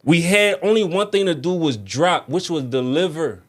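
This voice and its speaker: A man's voice: a little high, expressive, normal speed. A man talking casually as a music artist guest, venting in slangy, emphatic speech with phrases repeated for stress.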